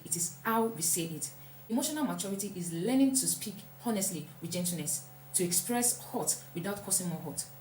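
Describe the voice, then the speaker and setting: This woman, a vlogger, has a lowish, slightly mellow voice. She delivers a sincere, reflective motivational talk, repeating ideas for emphasis, in an echoey room with a faint hum.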